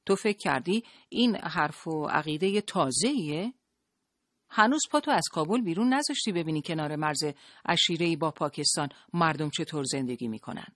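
A narrator doing a scoffing, gruff husband. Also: mid-range voice, animated, fairly bright tone, no echo, clean studio sound. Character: gruff dismissive husband who mocks his wife.

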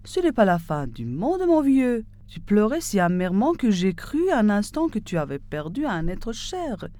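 A woman voicing an impatient, quick-tempered male traveler in a spoken fairy tale, exclaiming his lines. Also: very animated, dark tone, natural voice. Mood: mocking. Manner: exclaiming, raised and higher than her narration.

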